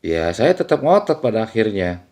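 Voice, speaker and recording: A man's voice: lowish voice, big pitch swings, moderate pace, darkish tone. A man voicing a worried village husband recounting to a cleric how his wife suddenly became possessed. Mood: earnest. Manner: earnest, explaining, addresses listener directly.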